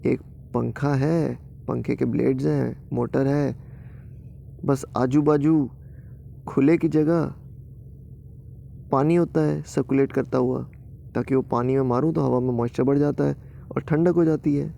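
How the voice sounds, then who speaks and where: A man's voice: mid-range voice, fairly even intonation, unhurried, gravelly, long pauses, dark tone. A man as a humble talking air cooler. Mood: explaining. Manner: plain, explaining.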